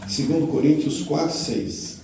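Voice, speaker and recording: A male pastor preaching, his mellow, dark voice telling the story and acting out the dialogue, sinking to a hush at the key lines. The voice sits a touch high for a man. He is recorded from a distance in an echoey retreat hall, with faint noise underneath. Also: steady tone, unhurried. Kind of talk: sermon.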